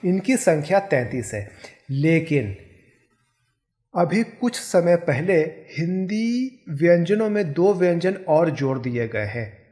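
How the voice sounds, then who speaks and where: Patient male teacher, slightly high voice. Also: sing-song, a little mellow. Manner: slow, patient, spells out sounds and examples one by one. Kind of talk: classroom lesson on Hindi grammar.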